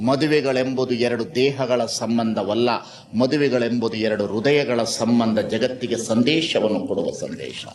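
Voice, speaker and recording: A man giving a sermon as a spiritual teacher, dramatic and repetitive, swinging between soft and loud. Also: medium pitch, measured pace.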